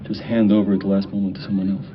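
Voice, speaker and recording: An actor playing a reluctant, self-doubting choir accompanist who speaks hesitantly in a 1980 television film. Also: male voice, low voice, flat delivery, very fast, natural voice. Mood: reluctant, anxious. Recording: dull old film audio, faint noise.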